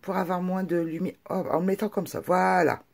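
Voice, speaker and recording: A woman with a warm, mellow voice hosts a casual show-and-tell video. She talks in a chatty, halting way, often pausing on fillers and restarting her sentences. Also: fairly low pitch, little pitch movement, gravelly. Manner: chatty, hesitant with many fillers. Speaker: craft vlogger.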